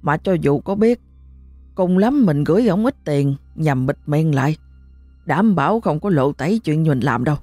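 A cold, scheming master of a rich household in a narrated ghost story, voiced by a woman narrator, grumbling in a low, clipped voice. his words are fast and irritable. the recording is dry and close, with faint music behind. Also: animated, mellow, no room sound. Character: gruff, scheming older husband of a rich house.

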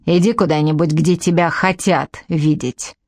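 A woman's voice: low-pitched, steady tone, a little mellow, dry recording, studio quality. Woman reading a growling blind old crone. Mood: barking. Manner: growling, slow and scornful. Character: blind, ill-tempered old woman teacher. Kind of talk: audiobook character reading.

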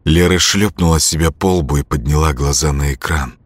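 A man narrating a horror audiobook in a measured, steady way. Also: a bass voice, dry recording. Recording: music bed behind voice.

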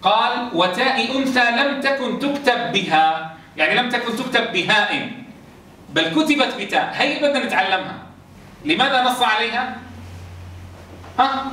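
A man's voice: very high voice, animated, normal speed, pauses often, sharp tone. A man teaching Quran recitation rules to a class, quizzing his students and chanting verse examples. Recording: roomy echo, distant mic.

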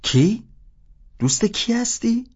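A man's voice: very high-pitched, big pitch swings, darkish tone, breathy edge, pitched above the performer's own voice, heavily acted. A man voicing an adult woman woken late at night, curt and suspicious at first. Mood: irritated. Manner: curt, suspicious, then flirtatious. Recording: dull lo-fi audio.

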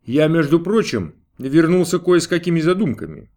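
A man's voice: on the high side, lively intonation, normal speed, a little mellow, natural voice. A man voicing a grumpy, imperious old God. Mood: capricious. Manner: snapping, grumbling, mocking. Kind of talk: audiobook character voice.

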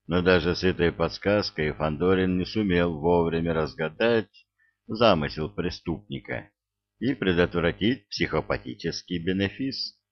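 Male audiobook narrator, measured and expressive, low voice, dull lo-fi sound. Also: gravelly, no echo. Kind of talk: scripted narration.

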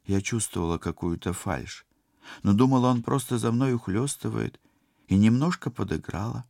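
A man's voice: lowish voice, moderate pace, gravelly, darkish tone, no room sound, clean studio sound, voice pushed up. A man voicing an indignant, skeptical young woman on a spaceship crew in an audiobook, speaking emphatically. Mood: sheepish.

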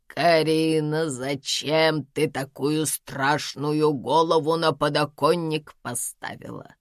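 A woman reading an audiobook, voicing a domineering elderly woman of eighty-two who scolds in slow, drawn-out, commanding phrases. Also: low voice, steady tone, no echo, studio quality. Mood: scolding, domineering. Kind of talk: audiobook character voice.

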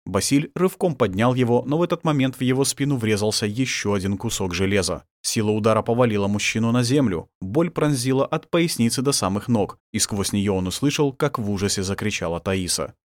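A man narrating an audiobook in a dramatic, expressive reading. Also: lowish voice, fairly quick, few pauses, no echo, clean studio sound. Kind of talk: scripted narration.

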